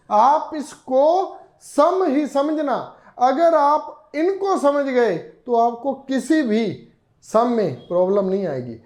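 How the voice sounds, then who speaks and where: A man lectures a reasoning class, slowing down and going over each point again. His pitch swings widely from one phrase to the next. He stresses key words and repeats them so students keep up. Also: a little mellow. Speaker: reasoning teacher.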